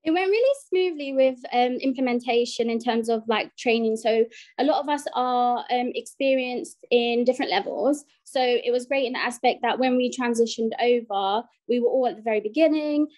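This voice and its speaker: A woman's voice: on the high side, moderate pace, a little mellow. A woman from the UK, a pattern maker, answering interview questions casually over a video call with many ums. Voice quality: chatty, filler-heavy.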